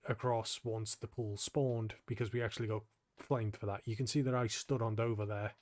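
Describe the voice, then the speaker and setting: A young man, a gaming channel host, casually talking through a gameplay guide in a relaxed, explanatory way, sounding tired and yawning. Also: fairly low pitch, normal speed. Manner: relaxed, explanatory, frequent ums.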